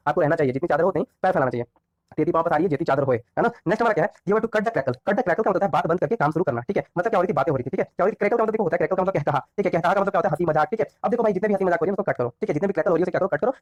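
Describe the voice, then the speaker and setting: High-voiced, fast-talking male teacher. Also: dry recording, highs cut off. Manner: repetitive, rhetorical questions and answers. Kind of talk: explaining English idioms in Hindi.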